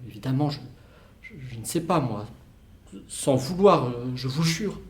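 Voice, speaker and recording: A man's voice: medium pitch, expressive, a little slow, natural voice. A young man playing an anxious male lover who stammers and repeats himself as he pleads. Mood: pleading. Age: young adult. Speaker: student actor. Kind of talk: solo stage reading of a play. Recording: roomy echo.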